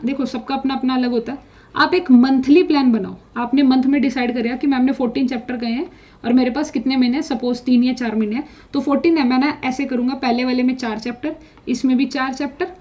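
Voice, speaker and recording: A woman's voice: sits high, a little mellow. A woman chemistry teacher giving students direct, no-nonsense exam preparation advice, slipping English phrases into her talk. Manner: direct, scolding, mixes English phrases into speech. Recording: dull lo-fi sound.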